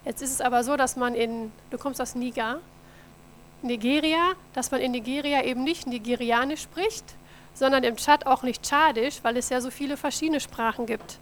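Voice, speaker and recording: A woman's voice: high voice, normal speed, slight background noise. A woman from Germany, a mission office coordinator, giving a friendly church presentation about her work and talking directly to the audience. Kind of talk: church mission report with slides.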